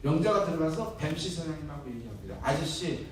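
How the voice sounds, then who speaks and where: Male pastor, high voice, lively storytelling sermon; distant mic in an echoey church. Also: moderate pace, a little hiss or hum. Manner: animated storyteller, quizzes the congregation. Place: church hall.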